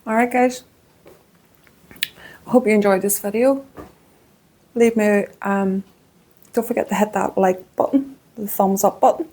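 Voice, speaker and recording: Northern irish woman doing a cooking vlog in her kitchen, warm mellow tone, chatty and homely. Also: medium pitch, steady tone, measured pace, long pauses. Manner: chatty and homely, talks while tasting. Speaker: cooking channel host. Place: home kitchen.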